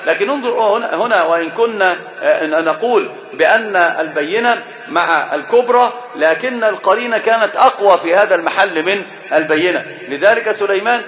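High-voiced, fast-talking male lecturer. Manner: animated, acts out quoted speech. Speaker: sheikh teaching a book. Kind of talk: Islamic lecture. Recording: roomy, dull lo-fi lecture recording.

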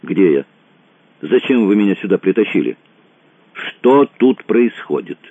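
A man's voice: low-pitched, animated, a little fast, no echo. A man voicing a bewildered, indignant man in pajamas who demands answers, in a tinny, dry recording. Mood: furious. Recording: tinny phone-like dry sound.

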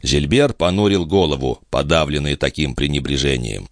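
A man reads a classic novel aloud in a measured, literary manner. His voice sits very low but moves expressively, and the recording is dry and close. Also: lively intonation, no echo. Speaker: audiobook narrator. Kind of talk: scripted narration.

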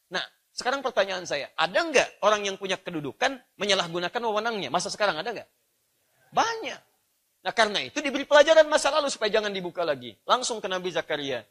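A man preaching a sermon, swinging from loud emphatic lines to soft, low asides.

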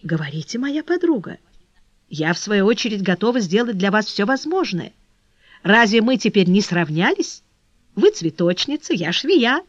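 A woman reading an audiobook and voicing a gentle, dignified young noblewoman in mourning who speaks in an earnest, composed way. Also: medium pitch, sing-song, moderate pace, dry recording. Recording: dull dry lo-fi recording.

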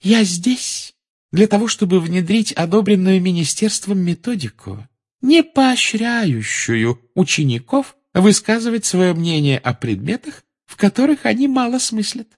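A man putting on a cloying, icy female inspector, high and drawn out. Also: very animated, measured pace, slightly rough, full character voice. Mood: cold, sugary. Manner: silky, cloying, coldly polite. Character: prim cold-sweet female school inspector. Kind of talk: audiobook character voice.

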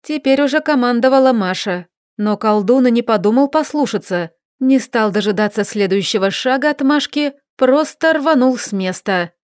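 A woman giving a lively, expressive scripted narration of a fantasy novel. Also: on the high side, normal speed, few pauses, no echo, studio quality. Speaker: audiobook narrator.

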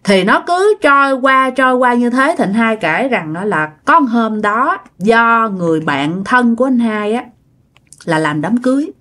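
A woman's voice: on the high side, lively intonation, normal speed, a bit bright. A woman telling a ghost story in a conversational way, speaking straight to her listeners. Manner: conversational, addresses listeners directly. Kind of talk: spoken ghost story narration.

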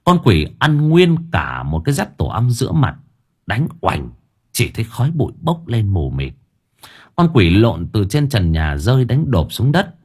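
A man reads a story aloud in a low, husky voice that rises and falls with lively energy. His telling is animated and full of colour, carrying the action along. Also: measured pace. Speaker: audiobook narrator. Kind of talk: storytelling narration.

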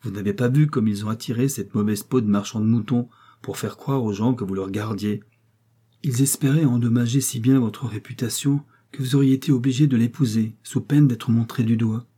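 A man's voice: mid-range voice, steady tone, fairly quick, mellow, husky, natural voice. Man voicing a humble young miller's boy. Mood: earnest. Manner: humble, earnest.

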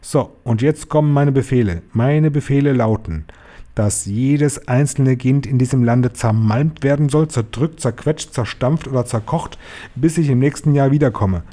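A man voicing a tyrannical female witch leader in a storybook reading, screeching and slow with menace. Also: medium pitch, mellow, natural voice. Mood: scornful rage. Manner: screeching, spitting scorn, slow menacing emphasis.

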